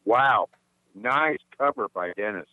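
A man's voice: on the low side, lively intonation, slow pace, no room sound. Man, over the phone, cheerful, chatty, tinny phone line. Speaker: caller and poet. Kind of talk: cheerful chat and poetry reading.

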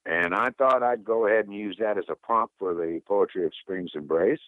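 A man's voice: fairly low pitch, normal speed, no room sound. Cheerful man calling in over the phone. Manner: cheerful, chatty. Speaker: caller and poet. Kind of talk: cheerful chat and poetry reading. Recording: tinny phone line.

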